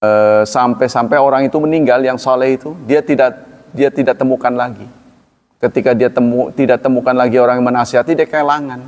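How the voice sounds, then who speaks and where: A middle-aged Indonesian man giving a casual, digressive sermon on Quranic commentary, chuckling now and then and slowly chanting Arabic verses. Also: mid-range voice, steady tone, a little mellow. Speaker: Islamic preacher. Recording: long hall reverb.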